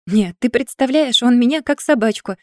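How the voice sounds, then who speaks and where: A woman's voice: medium pitch, moderate pace, mellow, dry recording, clean studio sound, lightly acted. A woman voicing a tearful, stubborn young werewolf wife in an audiobook, wailing and indignant.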